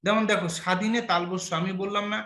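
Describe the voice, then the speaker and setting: A young male teacher gives an online class. He quizzes his students and teases them playfully. His high, bright voice sounds in an echoey room. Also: fairly even intonation, fast. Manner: quizzes students and praises answers, playful teasing.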